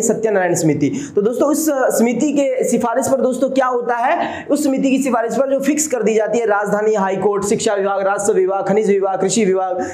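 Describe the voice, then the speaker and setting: High-voiced teacher drilling facts. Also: male voice, darkish tone. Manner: fast, drilling, asks "clear?" and answers himself. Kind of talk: exam-prep history lesson. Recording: echoey room.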